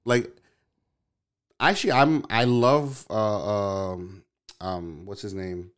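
A man's voice: lowish voice, steady tone, slow, a bit bright, clear, resonant tone. A man in casual chat, rambling and hesitant, with many fillers and restarts.

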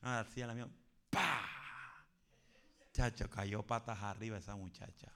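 A man preaching a fervent Pentecostal sermon, building to shouts and dropping in English phrases. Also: on the low side, fairly even intonation, normal speed.

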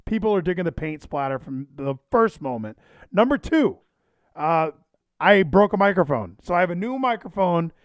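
Guy podcast host chatting casually, rambles and restarts, slightly high voice, dry close sound. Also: animated, moderate pace, no echo. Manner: rambling, self-interrupting, repeats phrases. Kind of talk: casual chat. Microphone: handheld microphone.

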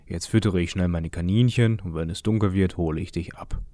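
A man reading a gentle coaxing old man. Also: sits low, fairly quick, no echo, studio quality, close to an everyday voice. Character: kindly older man with bent legs. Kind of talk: audiobook reading.

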